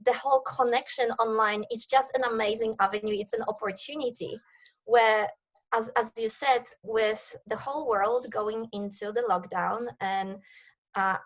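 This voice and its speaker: A woman in her thirties from Poland, speaking with a Polish accent, answering interview questions eagerly over a video call. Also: medium pitch. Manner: enthusiastic, eager. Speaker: guest, networking coach.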